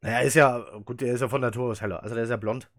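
Speaking very fast with fairly even intonation, this mid-range-voiced German host in his thirties runs a casual football podcast. He comes across chatty and opinionated and laughs easily, recorded with no room sound.

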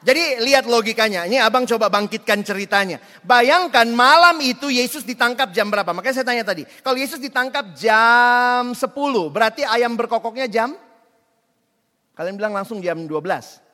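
A man preaching a sermon with a very high, bright, forceful voice. He talks animatedly, acts out dialogue and swings between loud bursts and quiet passages. The long reverb of a church hall trails behind every phrase. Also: brisk.

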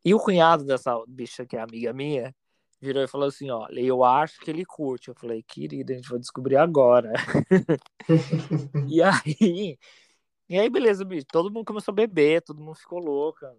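A man's voice: a little high, brisk, no echo. A Brazilian man from São Paulo state with a Brazilian accent. He tells an anecdote in a casual chat, campy and dramatic, full of slang asides. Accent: Brazilian Portuguese. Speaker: podcast storyteller.

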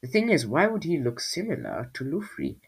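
A man's voice: a little high, wildly swooping pitch, moderate pace, husky. Rambling man reading his own story. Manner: rambling, self-mocking asides. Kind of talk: casual storybook reading with asides.

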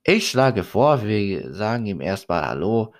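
A man voicing an outspoken young woman in a spoken horror story, raising his pitch and speaking with lively emphasis. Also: measured pace. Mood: chiding.

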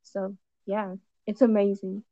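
A woman's voice: mid-range voice, level tone, measured pace, dark tone, dry recording. Young LA woman, musician guest, rambling casual chat, muffled dry recording. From Los Angeles, USA. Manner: rambling, many "like"s and trailing restarts.

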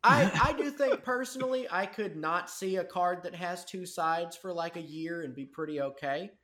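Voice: medium pitch, moderate pace, fairly bright tone. A co-host in casual podcast chat, playful and joking, laughing often between thoughts.

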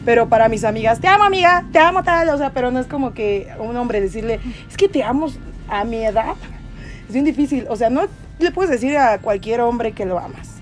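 A woman's voice: a little high, fairly quick, dark tone, faint music behind. A Mexican woman chatting expressively as a podcast guest, telling gossip and opinions. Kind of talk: casual chat.

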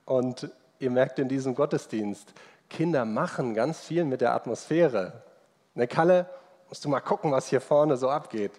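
A man's voice: mid-range voice, lively intonation, normal speed, darkish tone. A man in his thirties preaching a sermon as pastor, conversational and personal, asking the congregation rhetorical questions during a church service. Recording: long reverb from a church hall.

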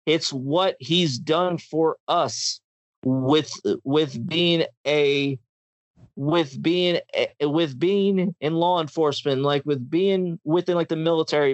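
A man's voice: fairly high pitch, no echo, muffled recording. A man hosting a podcast, ranting in a heated, impassioned way and often restarting his sentences. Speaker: podcast host. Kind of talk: casual podcast chat.

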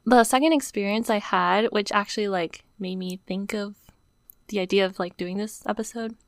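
A woman's voice: mid-range voice, moderate pace, dry recording. A young woman co-hosting a podcast, talking casually and emotionally, close to tears, with lots of "like". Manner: says "like" constantly, emotional and on the verge of tears. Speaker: podcast co-host. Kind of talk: casual chat.

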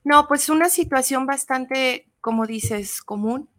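A woman's voice: sits high, takes it slowly, fairly bright tone. A woman co-hosting a radio talk show, thinking aloud with hesitant restarts.

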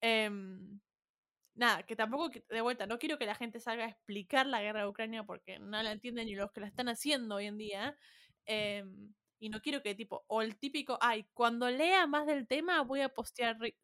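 A woman's voice: fairly high pitch, fairly quick, pushed and bright. A woman with a Rioplatense Spanish accent, chatting casually as a podcast co-host and dropping in English words. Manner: chatty, laughs often, mixes in English words. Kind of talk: casual chat.

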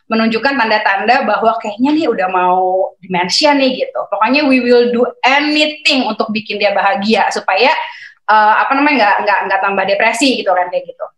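A woman's voice: medium pitch, a little fast, a bit bright. A middle-aged woman, telling a personal story as an interview guest in a chatty way, acting out dialogue with many fillers. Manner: chatty, acts out quoted dialogue, frequent fillers. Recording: roomy echo.

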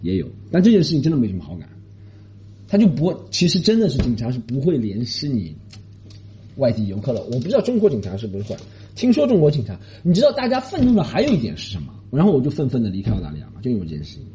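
A man from Shanghai rambles through a story in a casual podcast monologue, indignant and animated. He talks fast with a lively swinging pitch and a dark, mellow tone. The recording sounds dull and lo-fi. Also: slight background noise. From Shanghai, China. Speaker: podcast host.

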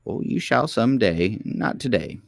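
A man voicing a kindly, very old queen who is the girl's great-great-grandmother, speaking gently and patiently. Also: medium pitch, very animated, unhurried, gravelly, dry recording, studio quality, pitched above the performer's own voice, exaggerated voice. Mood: gentle.

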